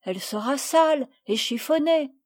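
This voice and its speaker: A woman reading aloud, voicing a sensible, lively little girl in a storybook with high, clear calls. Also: moderate pace, no room sound, clean studio sound.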